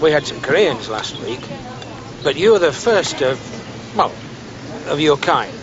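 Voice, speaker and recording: An actor playing a chatty local pub landlord making nosy small talk with tourists. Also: male voice, fairly high pitch, big pitch swings, measured pace, lo-fi sound, background noise.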